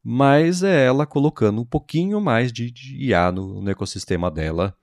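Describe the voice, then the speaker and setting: A man co-hosting a podcast, explaining things in a measured way in casual tech chat. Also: mid-range voice, animated, darkish tone, dry recording, studio quality. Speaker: podcast co-host.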